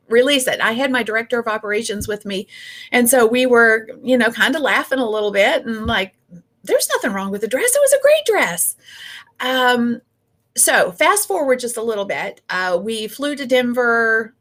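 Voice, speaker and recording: A woman's voice: fairly high pitch, a bit bright. A middle-aged woman hosting a business show, telling a story in a chatty, casual way with lots of fillers and playful re-enactments.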